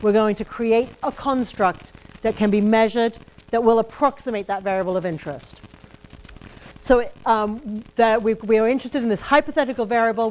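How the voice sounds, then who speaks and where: A woman's voice: fairly high pitch, a little hiss or hum, poor audio. A woman with an accent, lecturing a university class in a conversational way, explaining step by step. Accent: non-local accent. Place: lecture room.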